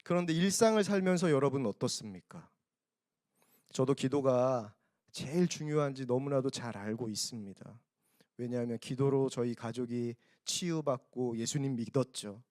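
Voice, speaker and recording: A male pastor preaching a sermon, often asking the congregation questions, moving between loud emphasis and hushed, almost whispered lines. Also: medium pitch, moderate pace, no echo, clean studio sound. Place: large church hall.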